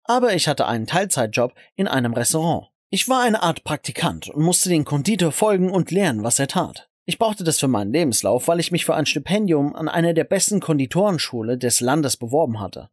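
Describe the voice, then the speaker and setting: A young man narrating an animated storytime with an expressive, emotional telling in a dry close voice-over. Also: on the high side, dry recording.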